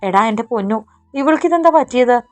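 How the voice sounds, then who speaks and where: A woman voicing a worried, tender young man in a Malayalam audiobook story, speaking softly. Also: mid-range voice, fast, soft background music, lightly acted.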